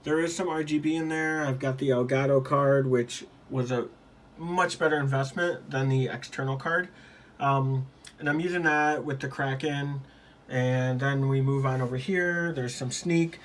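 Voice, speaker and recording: A man casually showing off his gaming setup on a handheld camera, talking in a loose, rambling way with lots of fillers and quick apologies. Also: mid-range voice, fairly even intonation, slight background noise. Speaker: gaming YouTuber and streamer. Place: home gaming room.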